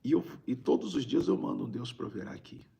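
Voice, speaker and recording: Speaking briskly on a livestream, this Brazilian preacher reads viewer greetings in a conversational, informal way. His gravelly, raspy voice sits at medium pitch but swings widely, with a dark tone, and he repeats phrases to stress them.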